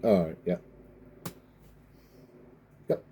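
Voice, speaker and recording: A man's voice: extremely slow, dark tone, a little hiss or hum. A man playing a tabletop game, laid-back and wry. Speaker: player. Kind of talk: casual game talk.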